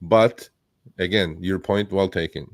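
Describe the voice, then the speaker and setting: Blunt, profane man with a low voice. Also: unhurried, dry recording, clean studio sound. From Turkey. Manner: blunt, profane, animated storyteller. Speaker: host. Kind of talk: casual livestream chat.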